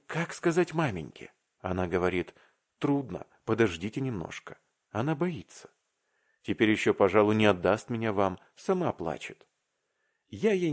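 A man voicing a timid, tender-hearted young man in love in an audiobook, speaking earnestly and haltingly. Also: fairly low pitch. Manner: earnest, faltering, warm confessional. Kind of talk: audiobook reading.

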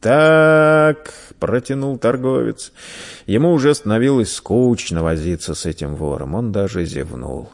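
A man narrating a story in a dramatic, expressive reading. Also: on the low side, normal speed, gravelly. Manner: dramatic, varied delivery.

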